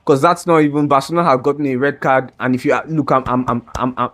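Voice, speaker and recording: A young football fan vlogger rants about a match in a heated, exasperated reaction video, straining his voice and stumbling over restarts. His voice is medium-pitched, fast and fairly bright, with fairly even intonation and faint music in the background.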